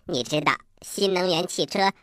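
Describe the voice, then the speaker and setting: Croaky, bright little cartoon frog. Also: male voice, high voice, moderate pace, no room sound. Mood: helpful, playful. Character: playful little green frog, helpful companion and singer. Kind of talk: children's audio story.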